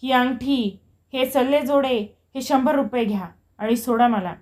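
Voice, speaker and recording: A woman voicing a proud, fearless village man in a storybook reading, speaking up high. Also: unhurried, a little mellow. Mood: begging. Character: bold, proud man, later begging robbers.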